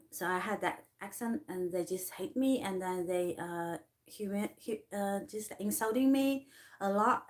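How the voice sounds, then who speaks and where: A woman with a Chinese accent speaks English as a second language in a confessional vlog. Her talk is halting and full of fillers and restarts. Her voice sits at a middling pitch. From China. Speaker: artist vlogger.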